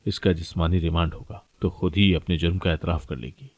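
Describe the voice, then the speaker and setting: A man's voice: low-pitched, steady tone, a little mellow, no echo. A man voicing a stern, sarcastic male police officer in a plain reading voice.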